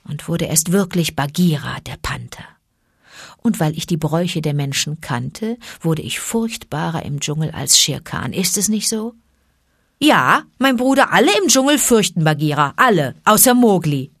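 Wise protective panther, low and hushed, read by a woman; dry close sound. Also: normal speed, no room sound. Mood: confiding. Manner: calm, low and confiding, urgent at times. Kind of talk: audiobook character reading.

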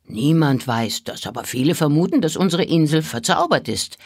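Brief: old grandfather telling tales, voiced by a woman, low, slow, a bit husky. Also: expressive, darkish tone, no room sound, studio quality. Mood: calm. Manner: slow, measured, lowered voice. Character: patient old grandfather storyteller, easily irritated.

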